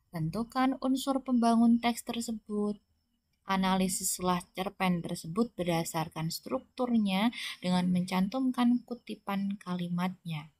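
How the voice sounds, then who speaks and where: A woman's voice: medium pitch, a little mellow, dry recording. A woman teacher, giving a classroom lesson and explaining patiently step by step.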